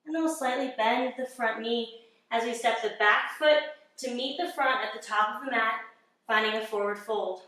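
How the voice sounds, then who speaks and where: A woman's voice: a little high, normal speed. Echoey, encouraging woman yoga instructor. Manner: calm, encouraging cues timed to breath. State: slightly out of breath. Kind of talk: guided workout instruction. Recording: very echoey room, mic at a distance.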